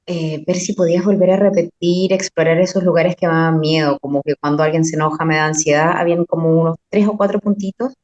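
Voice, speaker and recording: A woman asks her teacher a question, searching for her words. Her voice is on the low side. The recording sounds dull and lo-fi. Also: fairly even intonation, fairly quick, hardly any pauses, darkish tone. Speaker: student asking a question.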